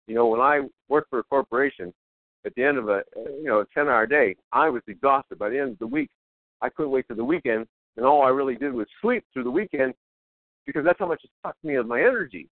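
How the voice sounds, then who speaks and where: A man's voice: medium pitch, lively intonation, fast talker, no room sound. Middle-aged male self-help author, wired caffeinated delivery, rambling and eager, dry lo-fi radio sound. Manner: rambling, repeats and restarts phrases. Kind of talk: casual motivational talk.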